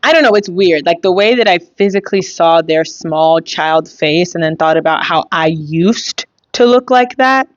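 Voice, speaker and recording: A woman's voice: lowish voice, measured pace, few pauses, no echo. Chatty young woman rambling, slightly muffled. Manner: chatty and rambling, with many fillers and trailing thoughts. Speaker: podcast host. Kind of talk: casual solo monologue.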